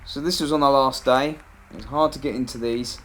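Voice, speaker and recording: A man gives brisk, steady commentary on his amateur hunting video, his medium-pitched voice fairly bright. It's a rough recording with a little hiss or hum, and music plays behind his casual, matter-of-fact talk.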